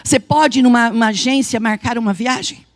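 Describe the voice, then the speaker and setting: A middle-aged woman pastor with a Brazilian Portuguese accent, preaching a sermon in a church, moving between loud declarations and quiet storytelling. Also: fairly high pitch, fairly quick.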